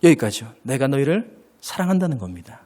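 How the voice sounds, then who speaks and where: A man's voice: mid-range voice, sing-song, fast talker, mellow. A man preaching a sermon as pastor, acting out little dialogues and laughing along with the congregation. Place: church sanctuary. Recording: long church reverb.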